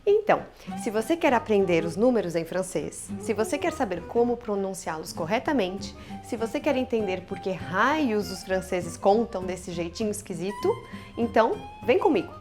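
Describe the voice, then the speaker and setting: A woman with a Brazilian Portuguese accent teaching French numbers in an upbeat, playful online lesson, drilling each word slowly. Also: medium pitch, lively intonation, over music.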